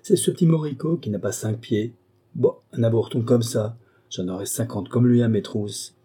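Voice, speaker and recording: A man's voice: mid-range voice, moderate pace, dark tone, husky, lightly acted. A man putting on a scoffing crowd spectator. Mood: scornful. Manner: scoffing, dismissive. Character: scornful male spectator in a crowd.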